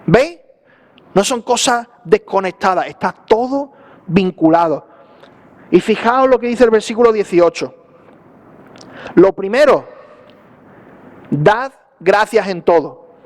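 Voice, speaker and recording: A man preaching a Sunday sermon as pastor, conversational and lively, often asking the congregation questions and acting out little asides. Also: high-pitched, measured pace, pauses often. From Spain.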